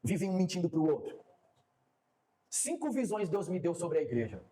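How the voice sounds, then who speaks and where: A man preaching a sermon as pastor, animated and acting out quoted dialogue. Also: high-pitched, normal speed, a little hiss or hum.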